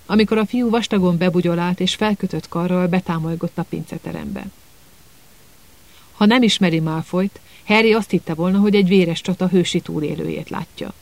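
A man narrating an audiobook with steady storytelling. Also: high voice, vocal fry, dry recording.

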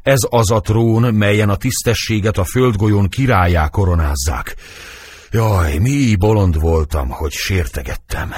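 A man's voice: on the low side, darkish tone, breathy edge, no room sound, studio quality. A man reading the part of young Juliet, anguished and passionate, in dramatic verse.

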